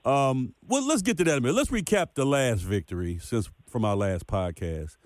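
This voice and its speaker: A man's voice: medium pitch, expressive, normal speed. A man co-hosting a casual sports podcast, talking football in an emphatic way and repeating points for effect. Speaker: podcast co-host.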